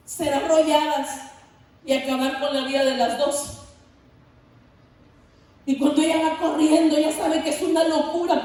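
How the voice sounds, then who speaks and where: A woman evangelist with a Mexican Spanish accent telling her testimony in a dramatic sermon, building up to shouts. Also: very high voice. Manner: dramatic storytelling, rising to shouts. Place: large church hall. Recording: echoey church hall, far from mic.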